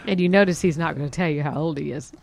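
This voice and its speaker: A woman with a low voice co-hosts a casual health podcast. She sets up topics and cuts in with teasing quips. The recording is dry and close. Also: fast talker, creaky, a little mellow, no echo. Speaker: podcast co-host.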